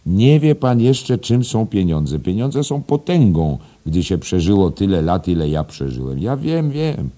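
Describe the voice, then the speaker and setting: A deep-voiced man putting on a self-satisfied old schoolmaster, raising his voice above its usual depth. He lectures loudly and emphatically in an audiobook, swinging his pitch up to drive each point home. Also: big pitch swings, unhurried, few pauses, full character voice. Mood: lecturing.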